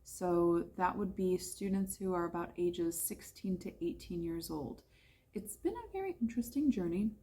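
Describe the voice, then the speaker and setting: In a casual talking-head vlog, an American woman who teaches English chats about her life abroad, often correcting herself with fillers. Her voice is fairly low, mellow and husky, with lively intonation and a moderate pace.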